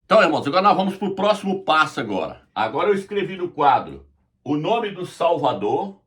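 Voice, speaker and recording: A man giving a religious lesson at a whiteboard, explaining slowly and spelling out letters as he points. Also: fairly high pitch, big pitch swings, fairly bright tone. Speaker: Bible teacher.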